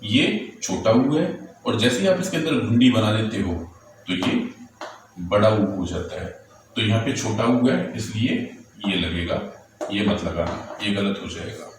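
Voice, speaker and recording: A man's voice: fairly low pitch, lively intonation, moderate pace. A male teacher patiently explaining, step by step, how letters and vowel signs are written, asking and then answering his own questions. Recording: very echoey room, distant mic, faint noise.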